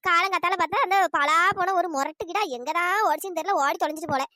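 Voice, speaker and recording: Woman doing very high squeaky cartoon village ladies, bossy and quick. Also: sharp tone, dry recording, studio quality. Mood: bickering chat. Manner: scolding, bickering, teasing. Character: bossy gossiping village women, scolding and sharp-tongued. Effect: pitch-raised voice. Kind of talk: cartoon voice acting.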